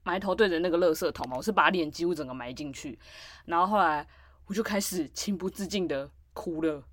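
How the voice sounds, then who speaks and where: A woman's voice: on the low side, brisk, no echo. Podcast co-host, woman, dry close sound, loose rambling storyteller. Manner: rambling storytelling with many fillers. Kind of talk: casual chat.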